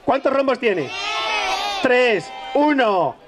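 A man performs as a children's magician, teasing and joking with a lively, swooping voice. A crowd of children chatters around him throughout the show. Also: very high-pitched, slow pace, background noise. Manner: playful, teasing, exaggerated exclamations. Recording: outdoor event with crowd of children.

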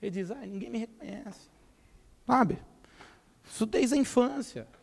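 Man, pastor, São Paulo state accent, high voice, humorous lively sermon, long church hall reverb. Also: measured pace, creaky, breathy edge. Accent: Brazilian Portuguese, São Paulo state. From Brazil. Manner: lively, humorous preaching, acting out quoted people, calls the congregation to repeat.

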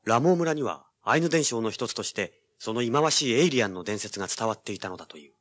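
An actor voices a brash, driven young treasure hunter in an audio drama, using a medium-pitched, fairly bright voice that is fast and expressive. He delivers first-person narration and dialogue with intent, dramatic intensity, sounding cocky and rough in his casual speech.

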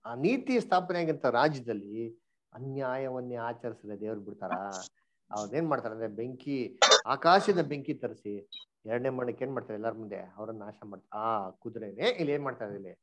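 A man's voice: medium pitch, lo-fi sound. A man teaching an online Bible study class, quizzing the group and mixing English words into his speech.

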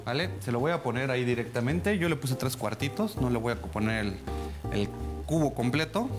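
Chef explaining a recipe step by step. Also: male voice, mid-range voice, expressive, fairly quick, music in the background. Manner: explanatory, addresses viewers directly with frequent "¿vale?". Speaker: TV cooking show chef. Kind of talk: cooking demonstration. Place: TV studio kitchen set.

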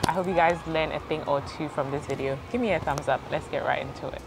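A woman's voice: low-pitched, fast talker, music in the background. A young woman hosting her channel, introducing and interviewing a guest outdoors on a lapel mic in an upbeat presenter manner. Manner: upbeat presenter, brief encouraging backchannels. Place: outdoors on a patio sofa.

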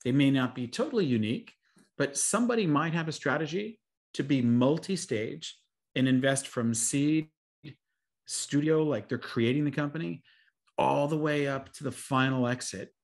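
A man's voice: mid-range voice, normal speed, creaky. A man in his forties, a venture capital investor, talking fluently on a video call from a room at home with bookshelves. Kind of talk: webinar presentation and Q&A answers.

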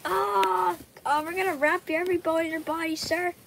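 A woman voices a toy skit in a very high, excitable voice and swings between shrieks and quick asides as she changes characters. The home recording carries a steady hiss of noise. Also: gravelly.

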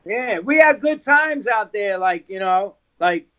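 A man's voice: sits high, lively intonation, measured pace, a bit bright. A man with a New York accent telling rowdy tour stories in casual chat, swearing often and acting out the people he quotes. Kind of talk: casual storytelling. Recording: muffled lo-fi audio.

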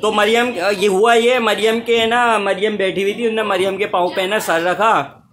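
A man's voice: high-pitched, fairly even intonation, normal speed, a bit bright. A man filming a casual family vlog at home, teasing and coaxing children in a playful way. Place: home indoors.

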